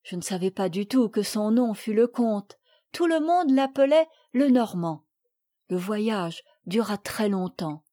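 A woman reading the part of a little girl who sadly recounts a shipwreck, in a gentle, measured voice. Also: mid-range voice, animated. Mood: sad, earnest. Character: little girl recalling a shipwreck, sad and earnest. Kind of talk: audiobook reading.

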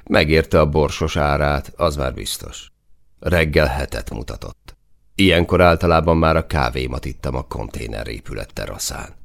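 A man's voice: very deep voice, animated, gravelly. A man reading a first-person novel aloud in a dry, earthy manner with casual swearing. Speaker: audiobook narrator.

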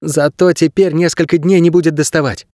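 A man's voice: on the high side, steady tone, fairly quick, a little mellow, no echo, clean studio sound, voice pushed up, natural voice. A man voicing a curt, self-assured boy in an audiobook, speaking tersely and matter-of-factly. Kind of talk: audiobook character voice.

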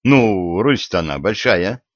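A man's voice: low-pitched, animated, a little slow, no room sound, lo-fi sound. A man voicing a weary, exasperated modern journalist who talks plainly, in an audiobook.

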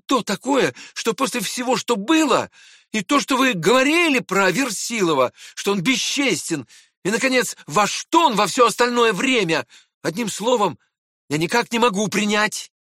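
A man's voice: high-pitched, normal speed, dry recording, clean studio sound, voice pushed up, full character voice. A man reading aloud and voicing a proud, hot-tempered young man who argues with indignant urgency. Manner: excited, indignant pleading.

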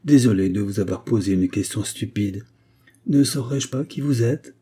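Guy voicing an excited nosy séance guest, husky. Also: fairly low pitch, normal speed. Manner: excited, questioning.

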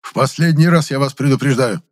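A man reading an audiobook, voicing a stern, irritable male supervisor who scolds and shouts. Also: medium pitch, a little fast, pitched above the performer's own voice, lightly acted. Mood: scolding. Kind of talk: audiobook character voice.

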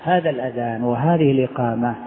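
A man's voice: mid-range voice, quick pace. A middle-aged man teaching a religious text as sheikh, explaining and quizzing his students. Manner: explains, asks the class questions. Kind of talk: lesson commentary. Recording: tinny phone-like recording.

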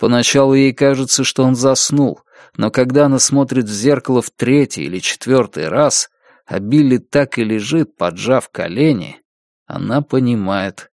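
A man giving a steady, measured scripted narration of an audiobook. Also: mid-range voice, no room sound, studio quality.

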